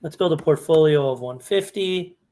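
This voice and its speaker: A man with a somewhat raised pitch talks loosely as an analyst going over fantasy sports picks. He thinks aloud and backtracks, conversational rather than scripted. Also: normal speed, mellow, slight background noise. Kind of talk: casual screen-share walkthrough.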